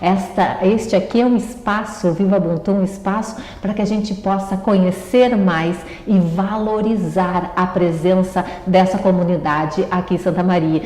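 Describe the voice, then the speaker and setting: A woman's voice: fairly low pitch, fairly even intonation, normal speed, hardly any pauses, darkish tone. A woman hosting a community talk show, enthusiastic and emphatic, echoing her guest's words. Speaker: host. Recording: echoey room with long reverb.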